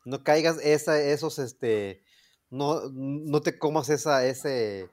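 A man with a Mexican accent co-hosting a casual comedy chat, talking haltingly with many restarts and jokes. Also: fairly high pitch, darkish tone. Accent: Mexican Spanish. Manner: halting, repetitive, joking. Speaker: podcast co-host.

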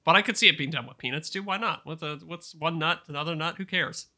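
A man's voice: fairly high pitch, quick pace, pushed and bright. A man from Canada co-hosting a podcast in casual chat, chatty and self-deprecating, laughing often. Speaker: podcast co-host.

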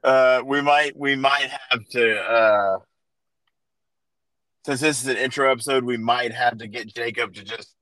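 Man, podcast host, casual rambling chat, bright tone, dry sound. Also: mid-range voice, dry recording, low-quality recording. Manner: rambling storyteller, many restarts and fillers.

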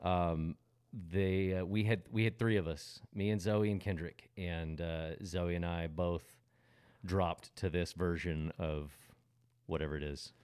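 A man's voice: sits low, fairly even intonation, measured pace, a little mellow, smooth. A man hosting a casual podcast chat through a face mask that slightly muffles him, joking at his own expense while tired from recovering from covid. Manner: self-deprecating, joking. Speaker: podcast host.

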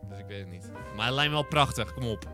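A man's voice: mid-range voice, lively intonation, fast, sharp tone, faint music behind. A young man co-hosting a gaming podcast in casual chat, stubborn and exasperated as he argues.

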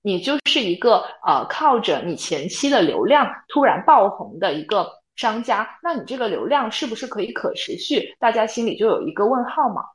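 A woman's voice: medium pitch, very animated, moderate pace, hardly any pauses, roomy sound, poor audio. A woman co-hosting a podcast, explaining her views point by point in a casual analytical chat. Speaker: podcast co-host.

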